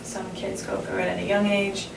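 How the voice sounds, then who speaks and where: A woman speaking as a counselor in a conversational role-play, measured and reassuring as she asks questions. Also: medium pitch, completely flat delivery, vocal fry. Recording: echoey, distant, noisy room recording.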